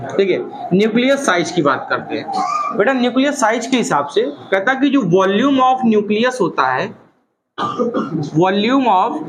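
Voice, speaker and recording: A physics teacher with a high voice takes his time over each point, drawing the terms out and repeating them. He quizzes the class and answers himself, calling the students "beta". A faint hiss sits under the recording. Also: a bit bright, poor audio. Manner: repeats key terms slowly, mixing English phrases into Hindi. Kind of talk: classroom lecture.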